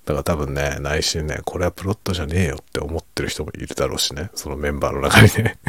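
A middle-aged man talks quietly into a close, dry microphone in a very low, creaky voice. His hushed, casual monologue rambles along with self-deprecating humor, sometimes sinking toward a whisper, made for late-night listeners falling asleep. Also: quick pace, no room sound. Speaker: fiction writer chatting to listeners.

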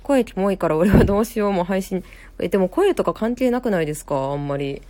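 On her casual live stream, a young woman speaking Kansai Japanese reads viewer comments aloud, rambles, fills gaps and self-corrects as she goes. Her mid-range voice is mellow, with lively intonation and a slightly fast pace.

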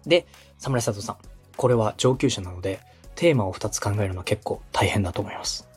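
Brisk and expressive, a man with a fairly low, slightly rough voice gives encouraging, polite, explanatory advice in a podcast dialogue. He comes from Osaka, Japan, and works as a podcast host, coach and radio director; soft music plays in the background.

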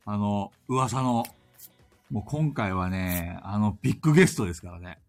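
A man's voice: lowish voice, animated, moderate pace, a little mellow, faint music behind. A man hosting a podcast in casual chat, joking and teasing his co-hosts. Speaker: podcast host.

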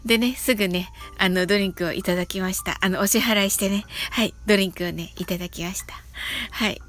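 A female audio show host gives a slow, friendly English lesson as a monologue, speaking softly and politely in a relaxed way. Her pitch is medium, she uses many fillers and stretches English words out slowly, and soft music plays in the background.

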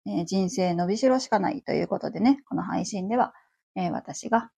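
Chatty Kansai woman with a gravelly voice. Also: mid-range voice, brisk, mellow. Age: around 40. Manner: chatty, rambling, many fillers. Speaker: livestream radio host. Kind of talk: casual solo chat.

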